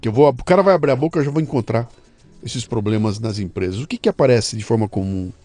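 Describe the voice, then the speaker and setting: A man's voice: mid-range voice, fast, no room sound. A man with a Brazilian accent hosting a podcast interview, chatting casually and acting out little quoted asides. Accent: Brazilian Portuguese. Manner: animated, quotes people in little acted asides. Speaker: podcast host.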